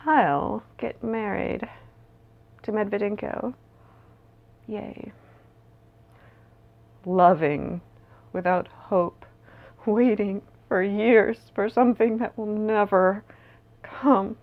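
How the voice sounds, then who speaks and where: A woman playing a weary, lovelorn young woman in a searching, halting dramatic stage monologue, with a creaky voice. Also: mid-range voice, narrow, tinny audio. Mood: wistful resolve. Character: Masha, lovelorn weary young woman drinking away heartache.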